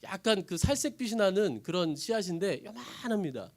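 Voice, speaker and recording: A man preaching a lively sermon, retelling a story and asking his listeners questions. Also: high-pitched, moderate pace. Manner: animated, asks the audience questions.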